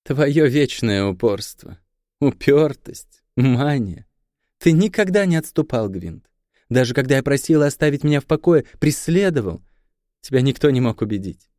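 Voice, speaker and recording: A man reading an audiobook voices a young resurrected sorceress, raising his pitch to sound honeyed, then hard and accusing. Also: expressive, normal speed, mellow, no echo, studio quality, natural voice. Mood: reproachful. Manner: accusing, spiteful. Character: resurrected great sorceress, young woman, cold and bitter. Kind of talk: audiobook character voice.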